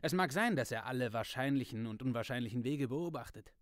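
A man reading aloud voices a proud male warrior, speaking loudly and urgently in a raised voice. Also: medium pitch, lively intonation, brisk, no echo, clean studio sound, close to an everyday voice. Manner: loud, insistent and urgent.

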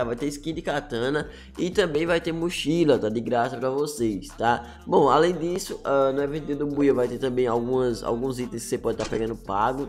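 A man's voice: medium pitch, darkish tone. A Brazilian man presents gaming news in a casual, chatty way, full of slang and tag words. His voice sounds a little choked from a sore, swollen throat, and music plays faintly behind him. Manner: chatty, slangy, peppering sentences with tags. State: congested, choked-up voice from inflamed throat. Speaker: gaming YouTuber giving game news.

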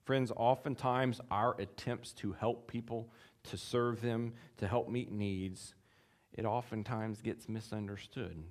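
A man preaching a sermon, acting out the quotes in his text with big jumps in voice and chuckling between points. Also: takes it slowly. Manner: animated, acts out quotes with big pitch jumps. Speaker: pastor.

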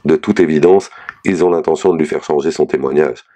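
A frank, matter-of-fact lawyer, read by a man with an extremely deep voice and a dark, mellow tone. He lays out bad news in measured, level sentences, in a storybook reading. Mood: grim, frank. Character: lawyer, middle-aged man, blunt and candid.

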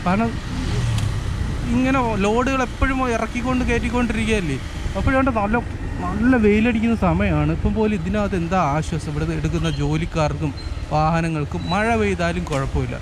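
A man's voice: sits high, a little fast. A man with a Malayali accent from Kerala chats casually and informally as a vlogger on the move, often repeating his words. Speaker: food delivery rider and vlogger. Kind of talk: casual on-the-go vlog chat. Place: outdoors on busy city streets. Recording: clear outdoor traffic and street noise.

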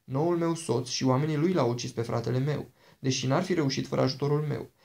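A man's voice: mid-range voice, gravelly, darkish tone, lightly acted. A man voicing an ancient princess, a charming and dangerous woman who talks in a sweet, persuasive, coaxing way.

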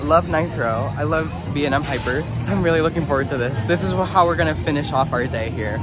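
A man's voice: on the high side, fast. A man in his twenties speaking enthusiastically and casually to a camera held at arm's length outdoors. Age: 20s. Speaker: vlogger. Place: outdoors in an amusement park. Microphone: phone or camera at arm's length. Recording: music over the voice. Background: loud music.

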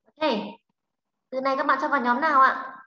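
Bright, high-voiced woman teacher. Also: fairly even intonation, moderate pace. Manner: checks understanding with frequent tag questions; patient step-by-step explaining. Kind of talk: online English lesson for a class. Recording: roomy, slightly dull sound.

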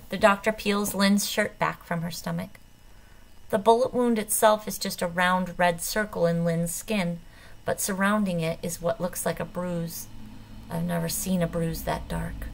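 A woman narrating an audiobook in a steady, subdued first-person voice. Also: lowish voice, gravelly, a little hiss or hum.

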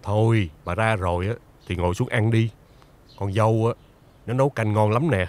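A man's voice: fairly low pitch, normal speed, lightly acted. A man playing an easygoing old patriarch. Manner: calm, brief replies. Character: elderly household patriarch, easygoing and unsuspecting. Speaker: actor. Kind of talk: TV drama acting. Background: music.

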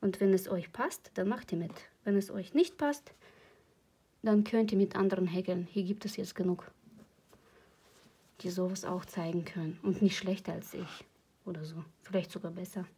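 Brief: woman vlogger, husky voice, rambling emotional chat at home. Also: on the low side, normal speed, mellow. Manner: chatty, rambling and emotional, laughs often. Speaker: crochet channel host. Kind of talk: casual vlog chat.

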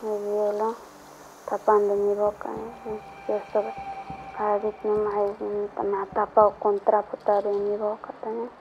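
Woman, from Peru, documentary testimony, halting, many restarts, very flat pitch, tinny phone-like sound. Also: a little hiss or hum. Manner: halting, with frequent restarts and trailing phrases. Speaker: survivor giving testimony. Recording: tinny phone-like audio with faint music.

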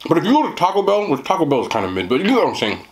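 A man's voice: on the high side, huge pitch swings, very fast, slight background noise. A young man doing a mukbang eating chat, joking in slang and talking while he chews. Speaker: food reviewer.

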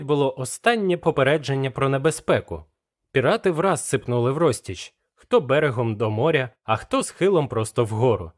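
Male audiobook narrator, mid pitch, steady and measured.

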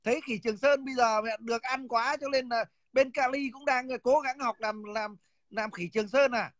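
A man's voice: very high voice, steady tone, normal speed, fairly bright tone, no room sound, studio quality. A man, a guest on a livestream, teasing and mocking someone. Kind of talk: casual mocking chat.

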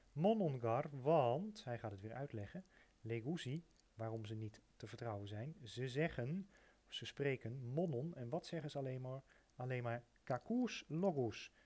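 A male teacher explains a text line by line, patient and methodical. His voice sits at a middle pitch, and he slows down to repeat the key words and their meanings. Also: darkish tone.

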